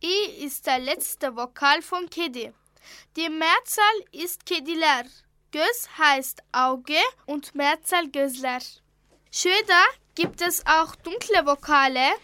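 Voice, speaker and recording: A young girl with a high, bright voice reads her part on a school radio show. She speaks slowly and deliberately. The recording is dry and close. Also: no room sound. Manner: slow, deliberate read-aloud. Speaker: student radio participant. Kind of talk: reading a school radio script.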